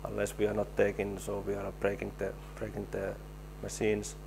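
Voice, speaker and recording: A man giving a technical conference presentation, halting and repeating words as he explains his slides. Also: on the low side, monotone, vocal fry, darkish tone, a little hiss or hum. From Finland. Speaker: presenter, stabilization engineer.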